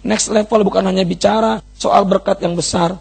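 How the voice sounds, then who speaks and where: High-voiced gravelly preaching man. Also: steady tone, moderate pace. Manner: impassioned preaching, rising to shouts and cries. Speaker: pastor. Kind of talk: sermon.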